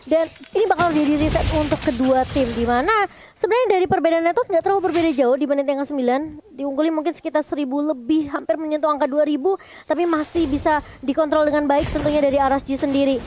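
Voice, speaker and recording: A woman's voice: high-pitched, quick pace, a little mellow, a little hiss or hum. An Indonesian woman giving running commentary and analysis on an esports match. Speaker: esports shoutcaster.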